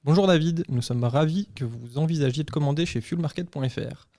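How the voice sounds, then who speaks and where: A man voicing a polite AI voice assistant in a half-robotic, even and courteous way, as a role-play in a podcast. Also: fairly high pitch, fairly quick, lightly acted. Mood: polite, helpful.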